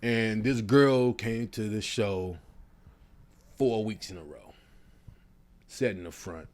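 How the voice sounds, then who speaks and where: A man's voice: fairly low pitch, takes it slowly. A young man, a stand-up comedian, telling stories animatedly with a lot of swearing and acted-out voices. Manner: profane, acts out quoted voices. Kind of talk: animated storytelling.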